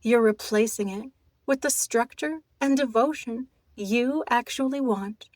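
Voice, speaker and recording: A woman leading a guided hypnotic trance in a soft, intimate, mesmerizing manner, soothing, deliberate and gently commanding. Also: on the high side, dry recording, studio quality.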